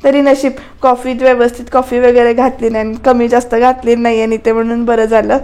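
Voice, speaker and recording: A woman with a high voice narrates a TV serial recap over a voice-over mic. She is chatty and easygoing, and she keeps turning to talk straight to her viewers. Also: flat delivery, a little fast, darkish tone. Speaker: TV serial reviewer.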